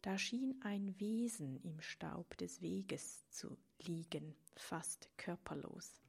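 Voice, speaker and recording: Casting: woman narrator, slow, breathy, soft and half-whispered, lowish voice. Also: animated. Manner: soft, partly whispered delivery. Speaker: storyteller.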